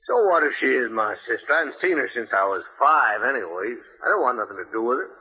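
A man's voice: mid-range voice, animated, fast, sharp tone, husky, heavily acted. A man playing an evasive, surly outlaw in an old radio Western, defiant and colloquial. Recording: muffled vintage radio recording.

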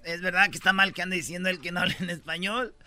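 A Mexican man hosts a casual commentary on viral videos, and his voice is high and very bright. He talks animatedly in slang, and his dry, close recording has no room sound. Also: fast talker, no echo, faint music behind. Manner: animated, slangy, acts out quotes. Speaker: host.

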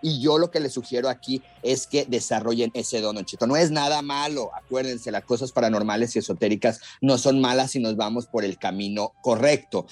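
Male fortune teller with music behind him. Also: mid-range voice. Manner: reassuring, advising. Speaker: fortune teller and psychic reading cards on a call-in radio show. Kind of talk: fortune teller giving a card reading on air.

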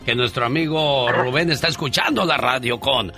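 A man's voice: medium pitch, normal speed, over music. A man, co-hosting a radio show in a playful way and speaking to listeners. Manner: playful, gives advice to listeners. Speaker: radio host. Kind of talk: casual radio banter.

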